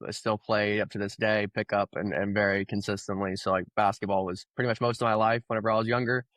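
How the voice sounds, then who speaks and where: A low-voiced man from Oklahoma, USA, a crypto founder appearing as a guest, tells his story in a casual conversational interview. He talks fast in a relaxed, rambling way with many fillers, and there's no room sound.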